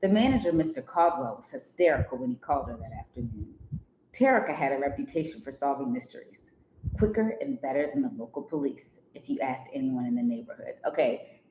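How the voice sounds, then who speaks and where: Low-voiced woman reading and critiquing. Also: brisk, reverberant, slight background noise, rough recording. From Columbia, Maryland. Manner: animated, joking, interrupts to critique. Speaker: podcast co-host. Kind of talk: reading a story aloud with commentary.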